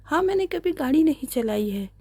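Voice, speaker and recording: A woman's voice: high-pitched, big pitch swings, normal speed, a little mellow, no room sound, voice pushed up. A woman voicing an innocent, cheerful young woman.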